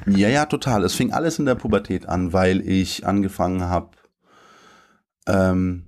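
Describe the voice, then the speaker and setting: A man who is a poet, talking thoughtfully about his writing in an interview, with some halting restarts. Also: deep voice, fairly even intonation, darkish tone, slight background noise. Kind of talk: conversational interview, then poetry reading.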